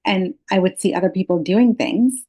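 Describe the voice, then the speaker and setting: A woman's voice: medium pitch, moderate pace, mellow. A woman from Pakistan talks as a podcast guest, explaining her personal views and experience in an earnest, reflective way. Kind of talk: reflective personal interview talk.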